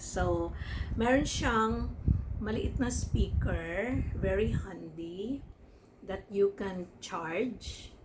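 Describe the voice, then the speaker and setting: A woman's voice: on the low side, noisy background. A woman, chatting and giggling through a casual product review on her vlog. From Philippines. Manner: chatty, giggly, mixes English and Tagalog. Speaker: vlogger.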